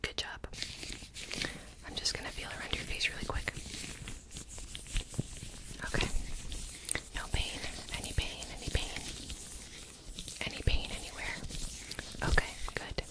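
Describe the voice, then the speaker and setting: Young woman, fast whispered role-play. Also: low-quality recording. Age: young adult. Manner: fast, brisk, clipped instructions with repeated short words. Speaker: ASMR creator playing a cranial nerve examiner. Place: small indoor home room. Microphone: large microphone close in front of the mouth.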